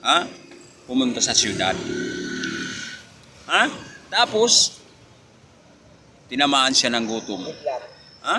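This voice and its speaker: A high-pitched man from the Philippines tells a joke in a casual, chatty way, dropping a questioning "ha?" after nearly every line. Traffic and vehicle noise are clear behind him, and he chuckles at his own punchlines. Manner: keeps adding a questioning "ha?". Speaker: joke teller and host. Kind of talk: casual comic storytelling. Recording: noisy with passing vehicles.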